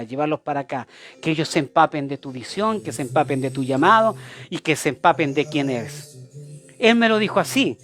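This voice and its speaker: A man's voice: on the high side, fairly bright tone. A man with a Chilean accent preaching a sermon as an apostle, emphatic and repetitive, with many rhetorical questions to his listeners. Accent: Chilean Spanish.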